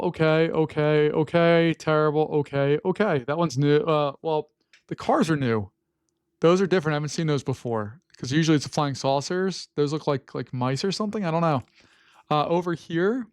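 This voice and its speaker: A man's voice: on the high side, clean tone, dry recording, clean studio sound. A man hosting a gameplay video, thinking aloud in casual commentary, wry and easily exasperated. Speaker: gaming host.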